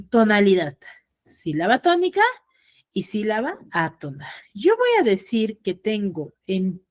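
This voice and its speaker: Slow-talking woman teaching an online class. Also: a little high, a little mellow. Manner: patient, checks in with the class often. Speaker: secondary school teacher. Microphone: video call.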